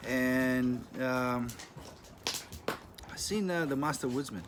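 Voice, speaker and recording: A man in his thirties from Greece with a Greek accent, talking casually to camera as a channel host in plain-spoken, unhurried English with non-native phrasing. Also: mid-range voice. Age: 30s. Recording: noisy with clicking sounds.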